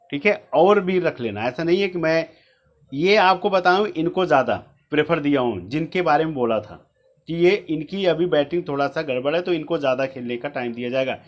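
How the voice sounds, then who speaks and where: A man talks loosely and repetitively, advising his viewers directly. His voice sits a little higher than most men's. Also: lively intonation, moderate pace. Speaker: fantasy cricket tipster. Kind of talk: casual explainer monologue.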